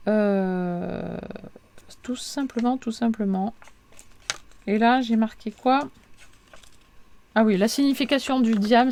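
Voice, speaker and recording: High-pitched woman giving a craft tutorial. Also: a little mellow, no echo. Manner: apologetic, chatty, repeats and checks herself. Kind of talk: informal step-by-step craft tutorial.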